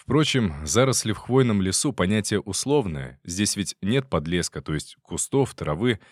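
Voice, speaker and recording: A man reads a first-person audiobook in a steady, tense storytelling voice. His tone sits low, and the recording is dry and close with no room sound. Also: normal speed, no room sound. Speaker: audiobook narrator.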